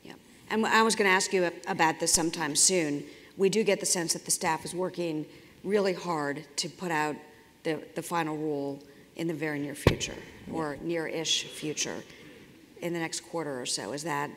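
A woman hosting an interview on a conference stage, asking questions in a measured, polite way. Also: low voice, a bit bright, a little hiss or hum. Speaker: host interviewer. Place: conference stage, large hall. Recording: reverberant hall sound.

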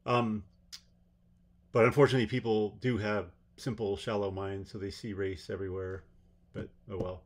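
A man's voice: on the low side, level tone, moderate pace. A man giving a rambling spoken commentary on a court case, blunt and sarcastic, with exasperated asides. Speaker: trial commentator.

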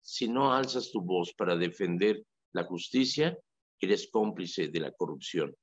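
Un sacerdote católico con acento mexicano que conversa en la radio, con un tono animado y enfático, como quien cuenta anécdotas. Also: male voice, deep voice, a little slow, breathy edge, no echo. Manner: animated, emphatic, storytelling. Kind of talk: casual radio talk. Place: radio studio. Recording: dry lo-fi radio audio.

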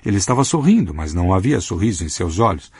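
A man narrating an audiobook in an expressive storytelling manner. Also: low voice, fast talker, husky, no room sound, studio quality.

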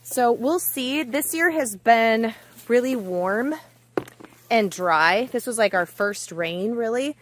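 A woman's voice: fairly high pitch, animated, slow, a little hiss or hum. A woman in her forties walks through her vegetable garden outdoors, chatting eagerly to her viewers. She records herself on a phone held at arm's length. Her talk is casual and friendly, the way a homesteading vlogger talks. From Pacific Northwest, US. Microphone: handheld phone at arm's length.

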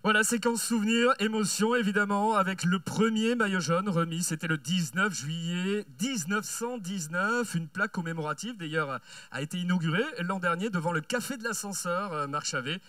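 A man's voice: high-pitched, normal speed, bright, forceful tone, no echo, far from the mic. A man co-presenting riders on a race podium in a chatty way, stretching out their names. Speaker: podium co-announcer.

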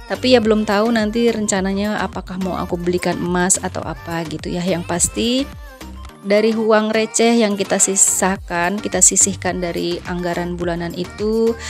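A woman talks through a home vlog as a relaxed voice-over. She chats to her viewers like friends, filling her sentences with little fillers, at an ordinary middle pitch. Soft music plays faintly underneath. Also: moderate pace. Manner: chatty, addresses viewers as friends, frequent fillers. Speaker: vlogger. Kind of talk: casual voice-over narration.

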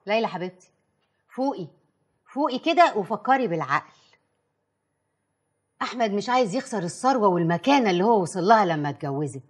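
A coaxing confidante speaks quickly and low in volume with a husky tone and an Egyptian Arabic accent. Persuasive, in a television drama. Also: female voice, expressive.

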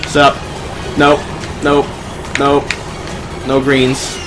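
A young man streaming a racing game jokes and rambles with a friend in casual banter, his mid-range voice completely flat and extremely slow. Game music plays in the background.

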